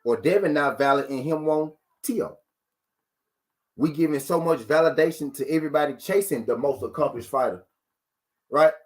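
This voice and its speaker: A man at normal speed, voice slightly high, runs a live talk show about boxing. He presses his point with rhetorical questions, says things more than once, and calls out hello to people in the chat.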